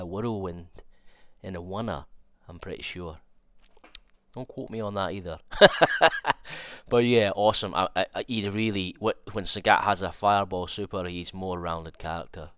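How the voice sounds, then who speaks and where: A young man with a nasal voice and a cold, excitedly rambling through a fighting game trailer breakdown and thinking aloud with restarts. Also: deep voice, smooth, dry recording, clean studio sound. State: has a cold. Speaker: fighting game content creator.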